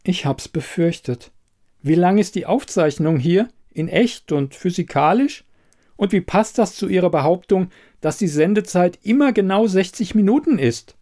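A clipped, impatient woman investigator in an audiobook crime story, put on by a male reader. She speaks noticeably higher than his narrating voice, firing curt, pointed questions with a lively, swooping tone. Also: normal speed. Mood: accusing.

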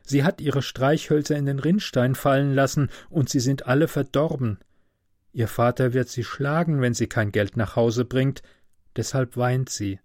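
A man reading a storybook aloud, voicing a kind, sorrowful prince statue in an earnest, gently insistent voice. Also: medium pitch, steady tone, normal speed, no room sound, studio quality, close to an everyday voice.

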